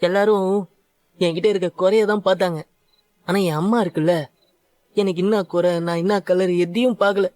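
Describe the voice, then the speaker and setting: A man's voice: high voice, steady tone, moderate pace, long pauses, a little mellow, clean tone, no room sound, natural voice. A young man voicing a grateful former prisoner speaking earnestly in a dubbed serial, close and dry. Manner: earnest, emotional confession.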